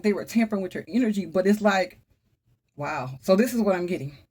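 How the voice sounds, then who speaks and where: A woman's voice: medium pitch, darkish tone. A woman doing a casual tarot reading for her viewers, with a mid-range voice. She talks in a chatty, emphatic way, speaks straight to the camera audience and keeps exclaiming as she goes. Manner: talks straight to viewers, calls on the Holy Spirit. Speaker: tarot reader.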